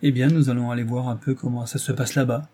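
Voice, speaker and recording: A man reading the part of a proud, impetuous young woman who speaks in sharp, commanding bursts. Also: mid-range voice, fairly even intonation, fast, close to an everyday voice. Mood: impatient.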